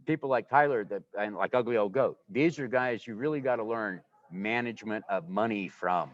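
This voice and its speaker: Speaking at a moderate pace in a lowish voice, this guest in his sixties wanders enthusiastically between topics in casual conversation. The livestream audio sounds muffled and dull.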